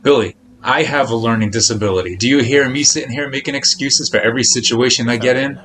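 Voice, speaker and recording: On a live game stream with noticeable background noise, a man talks casually at a quick pace. His medium-pitched voice is a bit bright, and his manner is blunt, scolding and repetitive.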